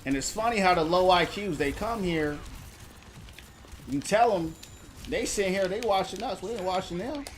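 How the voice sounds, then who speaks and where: A man's voice: high-pitched, moderate pace, slight background noise. A man streaming a game, ranting in a heated, repetitive, mocking way at a viewer in his chat. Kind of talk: ranting live stream commentary.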